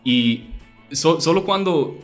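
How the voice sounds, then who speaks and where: A man's voice: fairly high pitch, lively intonation, slow, faint music behind. A man who is not a native Spanish speaker talks in a casual conversation with a foreign accent, thoughtful and often restarting his words. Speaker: conversation partner.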